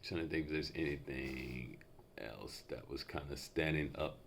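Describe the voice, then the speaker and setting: Really deep voiced guy doing a psychic reading off the cuff, mentalist style, tentatively picking out impressions bit by bit. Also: moderate pace, gravelly, slight background noise. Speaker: psychic reader giving channeled messages. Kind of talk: unscripted intuitive reading to the listener.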